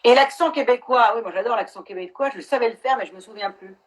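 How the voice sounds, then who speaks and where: A middle-aged actress hosting a casual live stream, talking frankly and swearing now and then over a video call. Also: female voice, fairly high pitch, quick pace.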